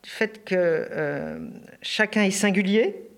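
Woman educator, thoughtful, hesitant pauses, middle pitch. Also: wildly swooping pitch. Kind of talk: explanatory interview.

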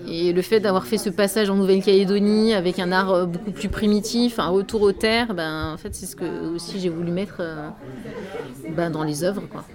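A woman's voice: medium pitch, fairly even intonation, normal speed. Hesitant French woman artist, chatter behind. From France. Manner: hesitant, many fillers. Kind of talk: casual conversation.

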